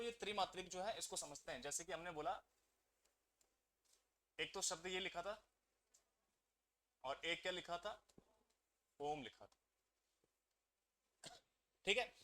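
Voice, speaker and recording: A man's voice: high voice, sharp tone. A man teaching a grammar lesson to exam students. He keeps asking the class questions and then answers them himself.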